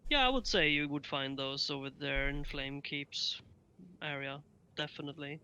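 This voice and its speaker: A man acting as dungeon master, narrating and answering players in a relaxed, jokey way. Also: on the high side, moderate pace, slight background noise. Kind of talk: running a tabletop game over voice chat.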